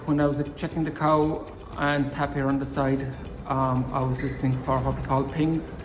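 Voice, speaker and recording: A man's voice: mid-range voice, little pitch movement, moderate pace, background noise. A man with an Irish accent, a vet explaining his hands-on work as he goes. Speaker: large animal vet.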